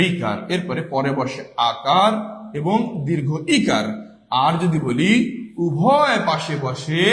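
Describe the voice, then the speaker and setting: Male tutor with a Bangladeshi Bengali accent and a high voice, quizzing his class in a reverberant room. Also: fairly bright tone. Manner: drills students with repeated questions and answers. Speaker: teacher. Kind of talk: online exam-prep grammar lesson. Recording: echoey room with long reverb.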